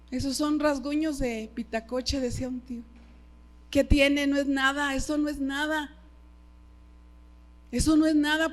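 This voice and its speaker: A middle-aged woman with a Mexican Spanish accent preaching a sermon in church, emphatic and constantly calling her listeners brother. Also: sits high.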